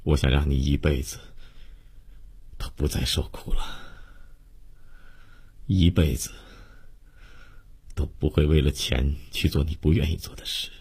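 Man doing a frail young guy, quiet and earnest, very deep husky voice. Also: fairly even intonation, unhurried, pauses often, full character voice. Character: frail dying young man, gentle and devoted.

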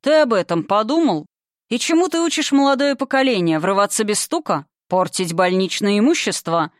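A woman's voice: medium pitch, animated, normal speed, dry recording, clean studio sound, close to an everyday voice. A woman voicing a mocking, playful young male creature of living darkness in an audiobook. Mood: teasing. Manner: teasing, playful.

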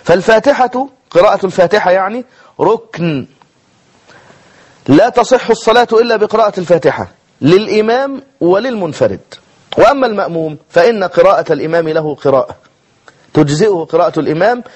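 A man teaching Islamic jurisprudence in a televised lesson, slowing down to model the correct pronunciation of letters. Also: high-pitched, lively intonation, darkish tone, husky. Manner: explanatory, slows to model pronunciation.

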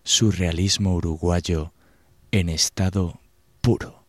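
A man's voice: low voice, steady tone, slow, a little hiss or hum. A male radio presenter reading a scripted introduction.

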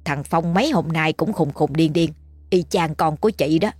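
A woman's voice: sits low, moderate pace, darkish tone, slightly rough, no room sound, faint music behind. A woman voicing a gossipy, nosy village neighbor woman with a Southern Vietnamese accent, chatting in a confiding way.

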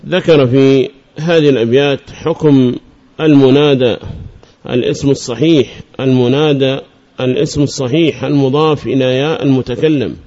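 A man teaching Arabic grammar, explaining a verse poem and slowly repeating each example. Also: medium pitch, fairly even intonation, dark tone. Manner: recites verses in a chanting tone. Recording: dull lo-fi recording.

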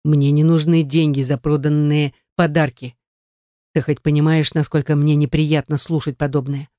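David, a reader voicing a hot-tempered ex-husband. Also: male voice, a little high, level tone, normal speed, dark tone, no echo, studio quality, natural voice. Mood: indignant. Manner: gruff, sarcastic outbursts. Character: angry wealthy ex-husband, hot-tempered, blunt. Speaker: audiobook character. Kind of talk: audiobook reading.

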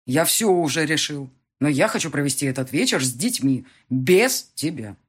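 A woman's voice: sits low, big pitch swings, normal speed, husky, exaggerated voice. A woman reading an audiobook and voicing a cold, irritated husband on the phone, curt and dismissive, breaking into anger. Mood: angry. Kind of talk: audiobook character voice.

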